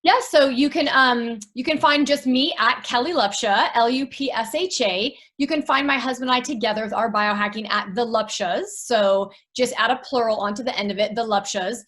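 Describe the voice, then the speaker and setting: A woman's voice: a little high, normal speed, hardly any pauses, fairly bright tone. A woman guest on a podcast, chatting in an upbeat, friendly way. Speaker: interview guest. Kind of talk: casual interview chat.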